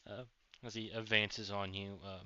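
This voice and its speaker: A man's voice: on the low side, little pitch movement, moderate pace, bright, forceful tone, clear, resonant tone, no echo. A man narrating as game master of a tabletop game, rambling with many fillers and restarts. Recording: dull lo-fi audio.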